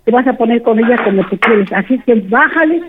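A woman's voice: on the high side, lively intonation, a little fast, close to an everyday voice. A woman playing a worried mother on the phone who fires off questions and scolds, in a radio comedy sketch. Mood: scolding. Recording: dull noisy radio phone line.

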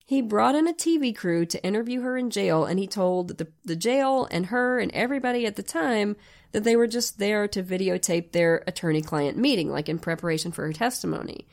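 A hoarse woman with a gravelly, croaky voice, telling true crime stories conversationally as a podcast host, in a wry, emphatic way. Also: medium pitch, lively intonation, brisk, darkish tone. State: hoarse from a sinus infection.

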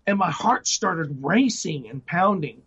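An earnest middle-aged man recounts his life story in an interview, his voice sitting a little high for a man. He talks in a searching way, full of fillers and restarts. The recording sounds dull and lo-fi. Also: lively intonation, measured pace, fairly bright tone, husky. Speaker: guest ministry director. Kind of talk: personal testimony interview.

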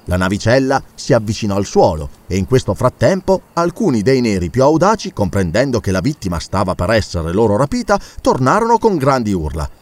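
A man reading a classic adventure novel aloud as an audiobook, with an expressive, dramatic delivery. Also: mid-range voice, a little fast, few pauses. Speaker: audiobook narrator. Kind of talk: audiobook narration.

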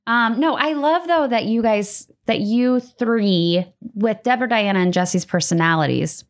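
A woman's voice: a little high, measured pace. Woman, guest speaker, casual chat, frank, salty, storytelling.

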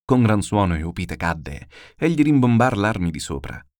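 A man reading classical epic verse aloud in a steady, declamatory way. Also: fairly low pitch, moderate pace, no room sound, clean studio sound. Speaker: narrator.

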